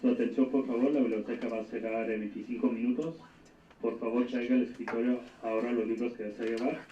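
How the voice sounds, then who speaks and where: A man making a formal library closing announcement, heard through a public address loudspeaker. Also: medium pitch, flat delivery, rapid-fire, slight background noise. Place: library, heard over the building's speakers. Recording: echoey, distant, tinny loudspeaker sound.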